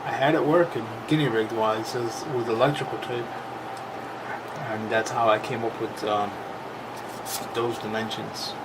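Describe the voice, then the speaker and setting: The repair host has a medium-pitched voice with a steady tone and speaks a little slowly. He gives an unscripted, hands-on demonstration, plain-spoken and thinking aloud, recorded on a noisy camera with loud background noise.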